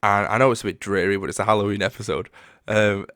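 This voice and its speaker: A young man talks through a casual solo podcast, reading stories aloud and reacting to them with animated, drawn-out exclamations. His voice sits a little low. The sound is dry and close, with no room echo. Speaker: podcast host.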